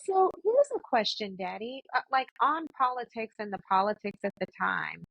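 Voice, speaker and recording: A woman in a conversational family interview, speaking emphatically and repeating phrases, on low-bitrate audio. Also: sing-song, normal speed, creaky, no room sound, dull audio. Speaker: interviewer, daughter questioning her father.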